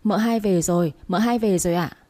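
A woman's voice: mid-range voice, a little fast, mellow, close to an everyday voice. A woman voicing a dutiful young male house servant reporting politely.

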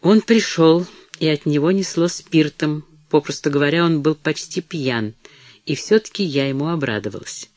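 A woman's voice: low-pitched, normal speed, a little mellow, no echo, natural voice. A male reader voicing a stiff, proud younger woman who cries out sharply between sobs in an audiobook. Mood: sobbing.

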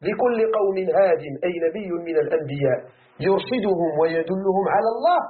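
A man's voice: sits high, quick pace, slight background noise. A man with a Moroccan accent teaching a Quran commentary lesson, who asks his students questions and answers them himself. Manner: animated, rhetorical questions to students. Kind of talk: classroom tafsir lesson. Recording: tinny phone-like recording.

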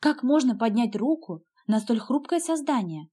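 Woman reading a novel in first person, pretty emotional, kinda high voice. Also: very animated, moderate pace, dark tone, husky. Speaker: audiobook narrator.

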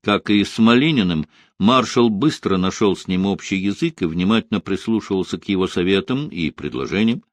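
A man narrating a historical novel as an audiobook, measured and expressive. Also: low-pitched, dry recording.

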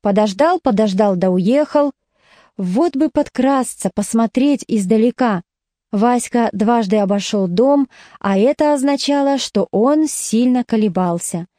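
A woman reads a story aloud with lively, expressive narration. Her voice sits a little high but sounds mellow and dark, recorded dry and close. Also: a little slow, dry recording. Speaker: audiobook narrator.

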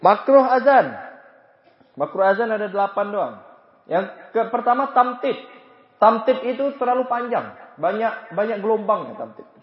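A man giving a religious study lecture in a joking, lively way, acting out anecdotes and chanting prayer phrases as examples. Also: high-pitched, moderate pace. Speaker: religious teacher. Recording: echoey, dull lo-fi room recording.

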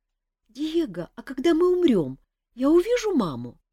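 A woman voicing a frightened young male wizard turned into a chick, with a squeaky, piping voice and anxious questions. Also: huge pitch swings, measured pace, warm tone, dry recording, clean studio sound, full character voice.

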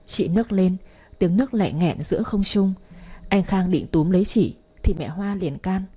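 A woman narrating a dramatic family story in the first person, in a steady storytelling way. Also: lowish voice, unhurried, breathy edge.

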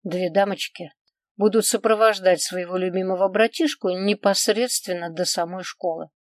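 A woman narrating a first-person audiobook in an even, measured reading. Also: fairly low pitch, no echo. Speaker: audiobook reader.

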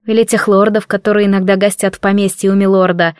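Tina, a woman doing a quiet dignified maid. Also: medium pitch, flat delivery, quick pace, clear, resonant tone, no echo, clean studio sound, lightly acted. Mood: cool. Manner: quiet, restrained, soft-spoken. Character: calm dignified young maid and healer, quiet.

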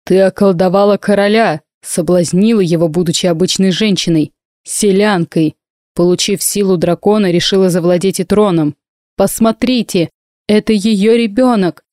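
A woman's voice: medium pitch, moderate pace, dark tone, no echo, studio quality, natural voice. A woman reading the lines of a fierce male warrior who harshly accuses a witch, in an audiobook. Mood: accusing.

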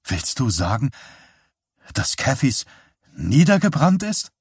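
A man's voice: medium pitch, huge pitch swings, takes it slowly, slightly rough, no echo, clean studio sound, pitched above the performer's own voice, heavily acted. A man voicing a shaken teenage son who asks questions in disbelief. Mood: disbelieving.

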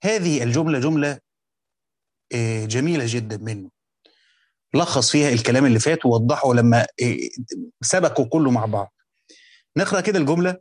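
A man with an Egyptian accent lectures his students on a classic text, working through it step by step. He repeats key words and drawls slowly through each quotation. His voice sits at an ordinary middle pitch in a dry, close recording. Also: expressive, darkish tone, dry recording. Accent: Egyptian Arabic. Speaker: teacher of Quranic exegesis.

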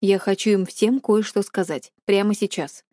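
A woman's voice: medium pitch, fairly even intonation, normal speed, dark tone, dry recording, studio quality, lightly acted. A woman reading an audiobook, voicing a stern male company director who speaks coldly and commandingly. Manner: cold, commanding.

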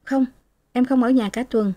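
A woman reading an audiobook voices a calm young male student in her own level voice. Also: fairly high pitch, moderate pace, pitched above the performer's own voice, lightly acted.

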